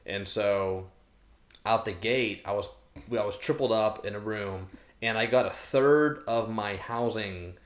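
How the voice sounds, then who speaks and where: A man's voice: fairly low pitch, measured pace. A man in his thirties co-hosting a podcast, talking casually and rambling with many restarts. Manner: rambling, full of restarts and fillers. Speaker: podcast co-host. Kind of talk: casual chat. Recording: roomy echo.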